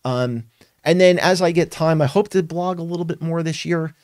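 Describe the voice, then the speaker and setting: This webinar host runs a weekly live tech talk, and he comes across as earnest and emphatic despite frequent restarts and filler words. His voice sits on the high side, a little mellow, at a moderate pace. The recording is dry and studio quality.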